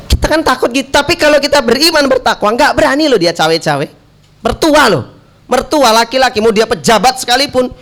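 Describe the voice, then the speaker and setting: Man, preacher, humorous sermon, animated, high voice. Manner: lively, jokey, acts out quoted dialogue, slips into Javanese.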